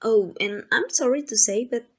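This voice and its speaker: A woman with a fairly high, animated and slightly rough voice speaks at normal speed. In an intimate ASMR roleplay she plays a lovesick, possessive kidnapper, doting and teasing as she rambles in a flustered, coaxing way with hesitant asides.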